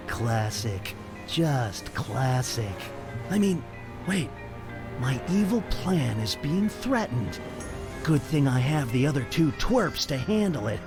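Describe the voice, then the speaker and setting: An actor voicing a scheming, gleeful cartoon game villain with slow, theatrical, gloating menace. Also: male voice, fairly high pitch, exaggerated voice. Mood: gloating amusement. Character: gleeful scheming cartoon villain, male, rehearsing evil laughs. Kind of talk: video game character acting.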